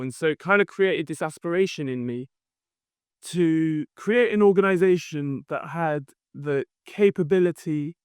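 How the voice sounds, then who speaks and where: Thoughtful and relaxed, a man from London recounts his career while answering podcast interview questions as a company founder, often pausing on fillers. His voice is somewhat high, smooth and resonant, captured in a close, dry recording with no room sound.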